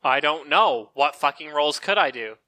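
High bright-voiced man, cussing and exasperated. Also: expressive, normal speed, no echo. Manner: profane, blunt and exasperated. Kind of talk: casual podcast banter.

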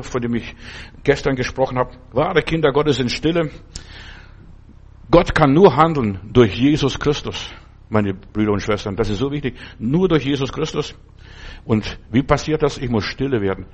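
An older pastor delivers a sermon at a mid-range pitch. He preaches emphatically, hammering phrases again and again and rising into sudden outbursts. Between them he drops into chatty asides to his listeners. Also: slightly rough. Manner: conversational asides like "verstehst du".

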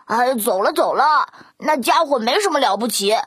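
A woman's voice: a little high, expressive, normal speed, a bit bright, husky, no echo, clean studio sound. A woman voicing a small gossiping cartoon virus in a children's storybook audio drama, mocking and chattering. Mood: dismissive. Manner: sneering, chattering.

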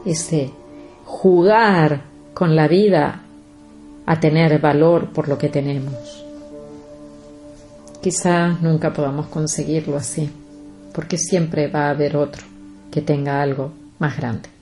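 A woman, hosting a reflective podcast and speaking slowly and deliberately straight to her listeners. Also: low voice, fairly even intonation, dark tone, faint music behind. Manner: slow, deliberate, addresses listeners directly. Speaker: podcast host.

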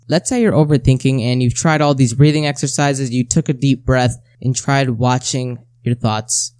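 A man's voice: mid-range voice, dark tone, clean tone, dry recording, clean studio sound. A man hosting a self-help episode, talking conversationally and directly to the listener, repeating key phrases and asking rhetorical questions.

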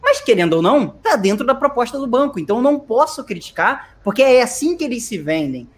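A man in a casual podcast chat, explaining his points in a measured, deliberate way. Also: very high voice, big pitch swings. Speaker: podcast guest commentator.

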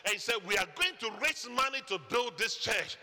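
A Ghanaian man preaching a sermon testimony, telling his story with lively quoted voices. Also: extremely high pitch, brisk. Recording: echoey hall reverb.

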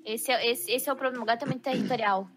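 A woman, a podcast guest who chats in a lively way and laughs easily. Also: fairly high pitch, very fast, soft background music. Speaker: podcast guest, streamer and voice actress. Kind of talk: casual chat.

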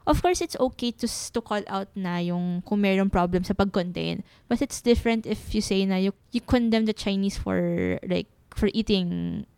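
A Filipino woman hosts an interview in a smooth, clear voice, recorded dry and close. She moves informally between Tagalog and English as she puts questions and comments to her guest. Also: mid-range voice, normal speed, few pauses, darkish tone, no echo. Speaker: interviewer, host. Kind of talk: conversational interviewing in mixed Tagalog and English (Taglish).

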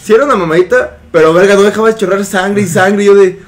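A young Mexican man with a high voice tells a story to his friends in a loose, slangy way. He laughs often and acts out the people in his story. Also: fast talker. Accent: Mexican Spanish. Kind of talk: casual storytelling among friends.

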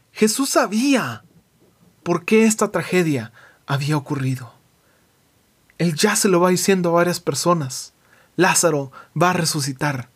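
Man, fairly high voice, unhurried preacher, leans on pauses and soft drops. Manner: reflective, slow emphatic pauses, dramatic drops in voice. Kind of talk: devotional sermon.

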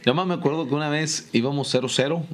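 A man, a football coach, telling lively anecdotes in casual conversation and acting out the people he quotes. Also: fairly high pitch, quick pace. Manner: animated storyteller, acts out quoted voices.

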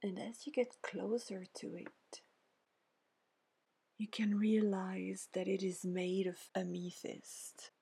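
This is scripted guided-meditation narration from a woman whose medium-pitched voice stays flat in delivery. Speaking softly and breathily, nearly whispering, she soothes gently and pauses after each short phrase.

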